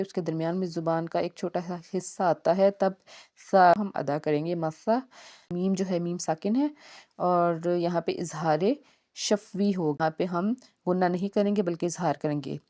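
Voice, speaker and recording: A woman with a mellow, fairly low voice teaches the rules of Quran recitation. In a slow, measured tajweed lesson, she spells out each letter and vowel one syllable at a time.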